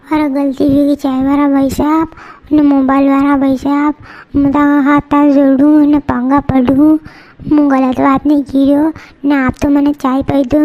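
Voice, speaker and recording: A woman voicing a rustic, quick-tempered village tea-stall man with a Malwi accent, bantering bluntly in a cartoon. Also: sits high, lo-fi sound. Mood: pleading.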